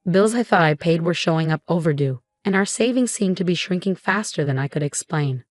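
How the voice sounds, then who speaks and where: A woman reading a first-person story as scripted narration, in a steady, measured way. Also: fairly low pitch, no echo, studio quality.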